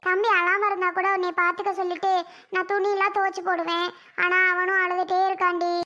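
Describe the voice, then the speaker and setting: Tired young cartoon mom, fretful and soothing, very high and bright. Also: female voice, level tone, a little fast. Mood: weary. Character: tired young mother, worried about her crying baby. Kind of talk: cartoon voice acting.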